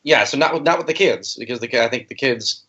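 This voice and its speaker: A man's voice: medium pitch, animated, fast, bright, forceful tone. A man co-hosting a teaching podcast, talking casually and restarting his sentences as he goes. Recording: dull lo-fi recording.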